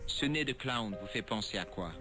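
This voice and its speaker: A man's voice: fairly low pitch, lively intonation, moderate pace, close to an everyday voice. A male actor voicing a laid-back young private detective in an adventure game, with a dry wisecracking manner. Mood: wry, polite. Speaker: game protagonist. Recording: game audio with clear background music.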